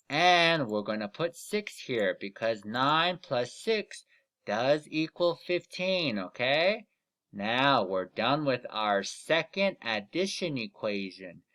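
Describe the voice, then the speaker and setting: A man speaks to young children like a kids show host, in a fairly high voice that moves up and down a lot. He goes slowly and deliberately through each step of the lesson. He often stops to check that his listeners are following. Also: a bit bright. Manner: deliberate step-by-step explaining, frequent "okay?" check-ins. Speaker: math teacher for young children.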